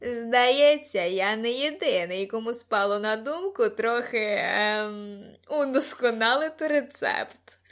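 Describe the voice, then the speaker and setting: A woman reading an audiobook, voicing a loud, boisterous teenage boy at a party who tells crude jokes and shouts over the noise. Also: mid-range voice, animated, normal speed, natural voice. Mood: teasing.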